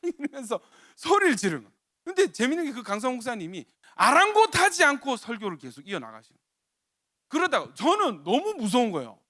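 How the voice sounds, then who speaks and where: Young male pastor preaching, very high voice, animated delivery, bright and dry close sound. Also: fairly quick, no room sound. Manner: animated storytelling, repeated exclamations. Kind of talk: sermon.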